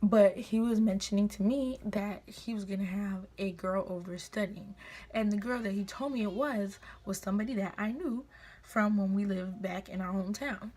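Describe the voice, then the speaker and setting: A woman's voice: medium pitch, moderate pace, a little mellow. A young American woman telling a casual, gossipy story in a chatty, informal way, acting out bits of dialogue. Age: young adult. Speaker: vlogger. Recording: clear background room noise.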